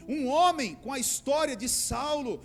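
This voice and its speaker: High-voiced preaching pastor, faint music. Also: male voice, lively intonation, measured pace. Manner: preaching with rising, pleading outbursts; addresses listeners as brothers. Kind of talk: sermon.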